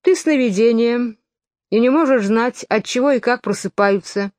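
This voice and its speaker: A woman's voice: a little high, normal speed, a little mellow, dry recording, studio quality, pitched above the performer's own voice, natural voice. A woman voicing a smug, quarrelsome little twin brother who lectures and contradicts, in a storybook reading.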